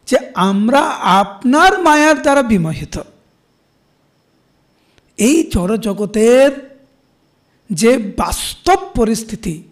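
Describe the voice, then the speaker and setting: A middle-aged preacher with a Bengali accent and a rather high voice leads a devotional class. He moves between everyday examples and slow, chant-like verse recitation. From India.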